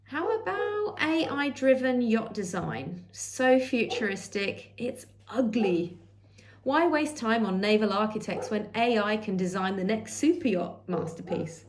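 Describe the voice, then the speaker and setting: A woman's voice: fairly high pitch, expressive, measured pace. Middle-aged woman reading out her article, sassy and sarcastic, tossing in little asides.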